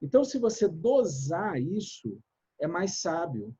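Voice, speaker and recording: Over a video call mic, a man gives a live online chat talk on communication and addressing audiences, his energy swinging between fast and slow, loud and soft. His voice is fairly high and husky, and the audio sounds dull.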